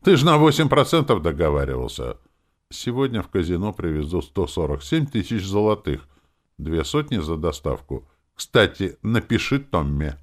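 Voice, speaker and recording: A man's voice: deep voice, big pitch swings, normal speed, voice pushed up. A man reading an audiobook voices a brash, foul-mouthed female demon who talks in a sly, mocking, swaggering way. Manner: sarcastic, swaggering, swears freely.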